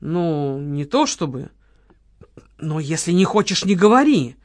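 A jittery, grumbling man who rants when cornered, as a woman reader puts him on. The voice sits lower than the narration, dry and close to the mic. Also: sing-song, unhurried, a little mellow, no echo. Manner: grumbling, easily exasperated. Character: nervous, grumbling male con-man partner.

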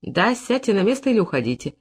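A man voicing a restaurant waiter who hushes guests politely but firmly. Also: sits high, big pitch swings, fast, breathy edge, full character voice. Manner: hushed, pleading.

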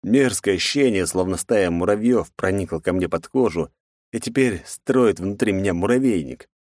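A man narrating an audiobook in a steady first-person storytelling manner. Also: low-pitched, normal speed, no room sound, clean studio sound.

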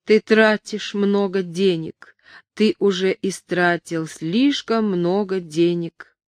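A feeble old mine owner, as a woman puts him on, suspicious and whining. He drags out his words slowly and sounds muddled, in a dry storybook reading. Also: medium pitch, fairly even intonation, a little mellow, no echo, close to an everyday voice. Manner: slow, whining, muddled speech.

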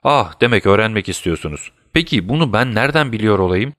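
Bir erkeğin seslendirdiği alaycı, kindar bir kötü kont. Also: male voice, on the low side, lively intonation, quick pace, a bit bright, no echo, studio quality. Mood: sneering. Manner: sneering, defiant. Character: scheming, hot-tempered male count villain. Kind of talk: audiobook character voice.

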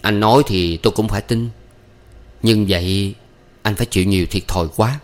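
Awkward, evasive young man with a Southern Vietnamese accent, read by a male narrator, uneasy and hurried, low-pitched. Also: lightly acted.

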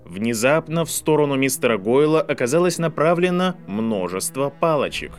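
A man narrating a fantasy audiobook in an expressive storytelling manner. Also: medium pitch, moderate pace, faint music behind. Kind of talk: scripted fiction narration.

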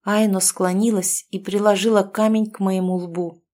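A woman narrating a first-person audiobook in a steady, expressive storytelling manner. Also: medium pitch, moderate pace.

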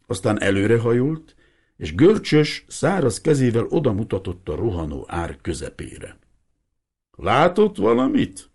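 A man reading a novel aloud in a measured storytelling manner. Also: fairly low pitch, very animated, darkish tone, husky. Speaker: audiobook reader. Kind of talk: scripted novel narration.

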